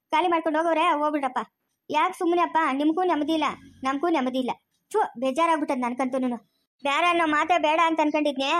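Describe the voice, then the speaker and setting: A woman acting out a family quarrel drama, playing every role herself in a scolding, quarrelsome way and switching between characters. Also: sits high. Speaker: solo actor playing a whole family.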